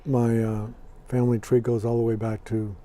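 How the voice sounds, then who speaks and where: A man's voice: medium pitch, level tone, normal speed, mellow. A man in his sixties with an American accent, born in Scotland and raised in Ireland, answering interview questions in a plainspoken, dry way. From born in Scotland, raised in Ireland and Los Angeles. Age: 60s. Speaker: interview guest.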